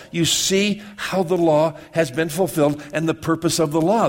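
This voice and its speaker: A man giving a conversational sermon, often repeating and restarting words and checking that his listeners follow. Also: a little high. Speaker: pastor.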